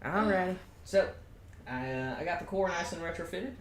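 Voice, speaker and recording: A man's voice: high-pitched, normal speed, crowd noise, pitched above the performer's own voice, close to an everyday voice. Guy doing a valley girl mechanic gone a bit country, casual rpg character, echoey room. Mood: breezy, proud. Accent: valley girl with a country twang. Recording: roomy echo, faint background noise.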